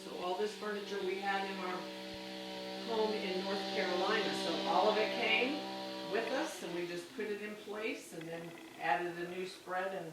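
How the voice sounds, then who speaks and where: A woman's voice: medium pitch, fairly even intonation, normal speed, over music. An older woman showing visitors around her own home in casual, explanatory chat. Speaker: homeowner showing her house. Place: inside a house, away from mic. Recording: very echoey, distant mic, noisy room.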